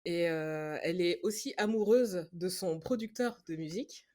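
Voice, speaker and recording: Animated woman laughing through a chat. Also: on the low side, moderate pace. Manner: animated, laughs often while explaining. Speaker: podcast co-host presenting a film pick. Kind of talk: casual chat among friends. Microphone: online call setup.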